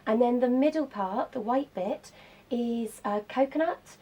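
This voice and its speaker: A woman's voice: fairly high pitch, measured pace, dull audio. A woman, a cookbook author, talking enthusiastically about healthy desserts as a guest in a radio studio interview. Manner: enthusiastic, explanatory.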